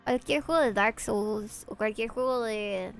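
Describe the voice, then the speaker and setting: Her voice is a little high and creaky, at a moderate pace with soft music in the background. This young Peruvian woman, Spanish being her first language, swears freely and chats in an animated way while streaming a game and reacting to chat.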